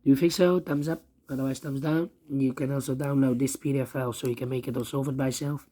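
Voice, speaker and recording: A man who has partly lost his voice, walking through a puzzle step by step in halting, repetitive short phrases. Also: mid-range voice, fairly even intonation, dark tone. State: lost voice, strained and troubled. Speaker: puzzle tutorial host. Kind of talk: step-by-step puzzle walkthrough, thinking aloud.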